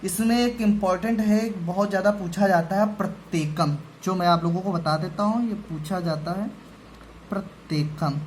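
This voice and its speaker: A man teaching a grammar lesson to school students, patient and step by step, often pausing to check that they follow. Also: sits high, slight background noise.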